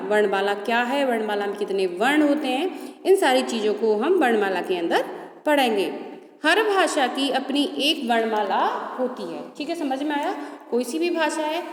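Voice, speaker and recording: A woman teacher giving a grammar lesson to children, patiently asking questions and answering them herself. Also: high-pitched. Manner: slow, patient, asks and answers own questions. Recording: echoey roomy hall sound.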